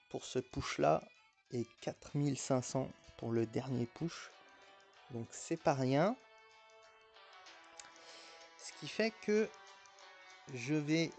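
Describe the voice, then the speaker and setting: A man's voice: mid-range voice, takes it slowly, creaky, long pauses, a little mellow, faint music behind. A man giving casual, rambling gameplay commentary as a mobile gaming YouTuber, with frequent hesitations and restarts.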